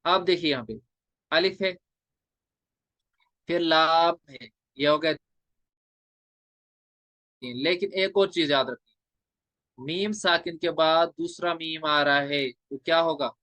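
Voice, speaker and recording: Slow-male recitation teacher. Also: on the high side, sharp tone, no echo. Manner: explains step by step, drawing out sounds in slow chanted demonstrations. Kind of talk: classroom lecture on recitation rules.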